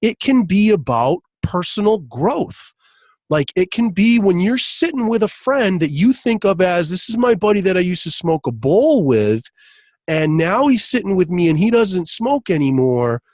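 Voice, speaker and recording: Animated storytelling man, fairly high voice. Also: normal speed, dry recording. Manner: animated, laughs often, acts out quotes in raised voice. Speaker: podcast guest, hypnotist. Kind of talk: casual storytelling chat.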